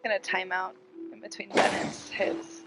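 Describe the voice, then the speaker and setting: A woman with a mid-range voice talks at a moderate pace in a level tone as she streams a game with its music playing. She's congested and breathing heavily, tossing playful, wry, chatty asides to her viewers.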